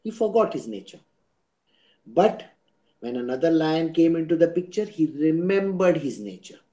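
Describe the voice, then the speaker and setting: A man's voice: on the high side, big pitch swings, normal speed, warm tone. A man with an Indian English accent giving a spiritual discourse, teaching didactically through everyday examples and checking in with rhetorical questions.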